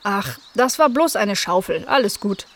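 A woman voicing a kindly aunt who likes cats, speaking softly. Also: medium pitch, big pitch swings, unhurried, noisy background. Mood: calm.

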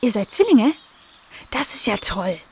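An eager young female dog in a children's storybook, raised and bright in pitch, bossy when her guests misbehave, as a woman reads her. She talks in warm, firm bursts. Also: big pitch swings, unhurried, husky, full character voice. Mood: friendly. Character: friendly young female dog, garden owner.

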